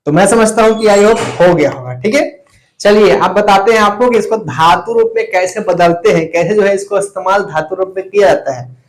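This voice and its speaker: A young man with a fairly high voice teaches Sanskrit to students watching online, writing on a board as he goes. He keeps the lesson light with playful jokes and quick asides to his viewers. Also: slight background noise, low-quality recording. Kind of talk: online classroom lecture.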